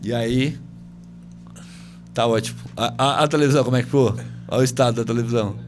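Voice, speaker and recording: Male podcast host, middle pitch, casual storyteller who voices his family's lines, music under. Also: steady tone, quick pace. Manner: conversational, many fillers, acts out family dialogue. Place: home podcast studio.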